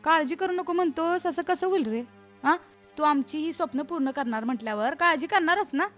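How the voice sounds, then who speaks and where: A woman's voice: high voice, a little fast, a bit bright, soft background music. An actress playing a worried, nagging village mother who frets over money and her son's schooling. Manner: fretful, nagging.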